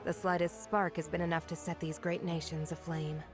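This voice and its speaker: An actress playing a cool, deferential female agent in a video game, speaking in a formal, measured, courtly way. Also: on the low side, level tone, natural voice. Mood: composed report. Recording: game music behind the voice.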